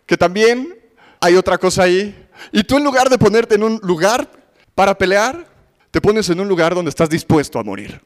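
A man preaching a sermon, his voice pitched high for a man. He talks in a conversational way, keeps asking the audience questions and acts out the voices of the people in the story. The sound has a long reverb, as in a big hall.

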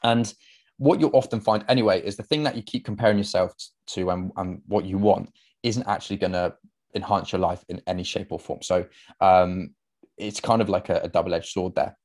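A man's voice: low voice, steady tone, brisk, a little mellow. A young man, a fitness coach, talking through his solo podcast in an earnest, conversational way, full of fillers and restarts.

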